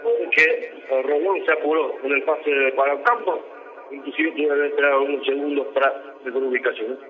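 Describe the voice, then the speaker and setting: A man's voice: a little high, fairly even intonation, moderate pace, in a large hall, narrow, tinny audio. A Paraguayan man working as radio football co-commentator, giving match analysis and sponsor announcements.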